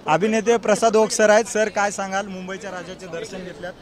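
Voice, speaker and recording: A man's voice: sits high, flat delivery, fast talker. A male TV reporter with a Marathi accent, interviewing outdoors at a festival with hesitant, filler-heavy questions. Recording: loud crowd noise behind.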